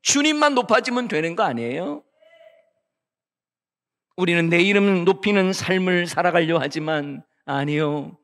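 A middle-aged man preaching a revival sermon with a notably high-pitched voice. He drops into soft, intimate storytelling, then climbs into loud, emphatic declarations. The long reverb of a church sanctuary trails after every phrase. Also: expressive, unhurried, pauses often. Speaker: guest pastor.

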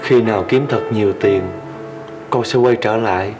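A man's voice: on the low side, normal speed, lightly acted. An actor playing a grown son who pleads with his mother before leaving home for the city, in an emotional TV drama. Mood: pleading. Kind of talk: TV drama acting. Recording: soft music score behind.

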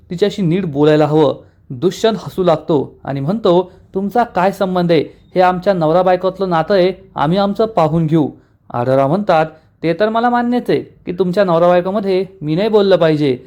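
A man retelling a TV serial episode in a casual way, quoting each character's lines with lively emphasis. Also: sits high.

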